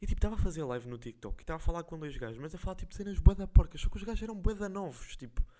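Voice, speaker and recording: A young man with a European Portuguese accent tells stories casually on his podcast. His speech is slangy, animated and full of jokes, and his voice sits a little higher than most men's. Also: very fast. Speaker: podcast host. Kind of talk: casual storytelling.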